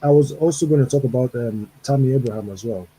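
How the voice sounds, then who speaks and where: A man's voice: mid-range voice, fast talker, dark tone, husky. A man calling in to a casual football chat through a fuzzy, distorted mic, talking hesitantly with many fillers. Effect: fuzzy distorted mic sound. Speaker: call-in guest.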